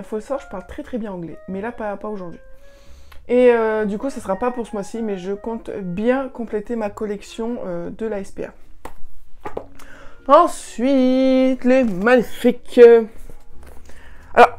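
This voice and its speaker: A woman chats casually about the books she read this month, recorded on a camera mic at home. She hesitates often, filling gaps and restarting her sentences as she goes, in a relaxed and informal way. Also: fairly high pitch. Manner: chatty, hesitant, many fillers and restarts. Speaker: book vlogger. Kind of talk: casual monthly reading wrap-up.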